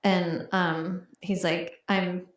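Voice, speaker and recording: A woman's voice: fairly low pitch, flat delivery, drawn-out words. Rambling woman podcaster, echoey room. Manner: chatty, rambling, full of "um" and "like". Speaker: podcast co-host. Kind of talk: casual chat.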